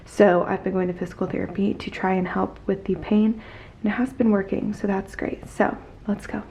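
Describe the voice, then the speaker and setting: A young adult woman vlogging casually, telling stories in a chatty, animated way full of "like". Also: mid-range voice, normal speed, gravelly, husky. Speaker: lifestyle vlogger. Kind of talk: casual vlog chat and storytelling.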